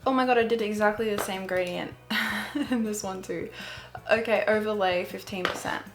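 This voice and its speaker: A woman's voice: medium pitch, steady tone, brisk. A woman talking casually through a photo editing tutorial, thinking aloud hesitantly and often repeating her words. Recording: music playing behind the voice. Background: music.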